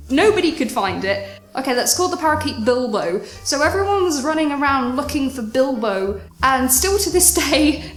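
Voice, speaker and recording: A young woman animatedly retelling a chaotic party story with dramatic exasperation. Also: high-pitched. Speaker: vlogger. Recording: echoey room with faint music.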